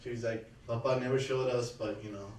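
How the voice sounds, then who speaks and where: A man speaking at a memorial in earnest, halting sentences with many restarts, remembering his late father-in-law. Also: mid-range voice, fairly even intonation, a little mellow. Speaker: eulogy speaker, son-in-law. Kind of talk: personal remembrance speech. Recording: echoey room, distant mic, faint background hum.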